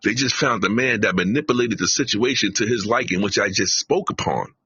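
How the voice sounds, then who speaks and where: A man's voice: lowish voice, fairly quick, pushed and bright, slightly rough, no room sound, highs cut off. A man hosting a live stream, preaching emphatically, repeating his phrases and swearing. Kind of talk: casual live-stream commentary.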